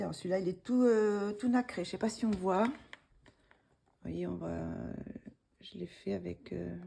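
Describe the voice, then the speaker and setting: A woman casually showing her coloring books, hesitant with many fillers and restarts, gently self-deprecating. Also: fairly low pitch, creaky, a little hiss or hum. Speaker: coloring book vlogger.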